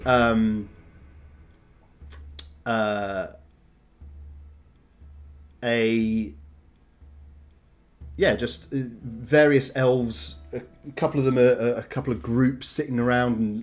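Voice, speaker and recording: A man running a tabletop game as game master, describing the scene slowly and haltingly. He searches for words with many fillers, at a middle pitch. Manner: halting, full of fillers and restarts.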